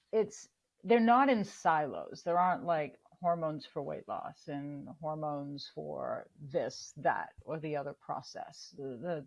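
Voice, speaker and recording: A woman in her forties, a guest physician, explaining things in an animated way with analogies. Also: sits low, dull audio. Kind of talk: explanatory interview answers.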